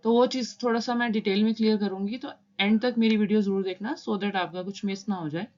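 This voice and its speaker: A woman's voice: mid-range voice, steady tone, brisk, a little mellow, lo-fi sound. Patient woman teaching shorthand. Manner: patient, repeats steps, mixes English terms into Hindi. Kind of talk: step-by-step lesson explaining while writing.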